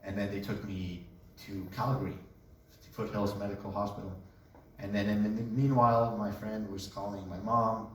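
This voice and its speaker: Young man from Colombia, relaxed joking testimony, lowish voice, very echoey room, away from mic. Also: moderate pace, recorded from a distance, slight background noise. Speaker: speaker giving a testimony. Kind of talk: casual personal testimony.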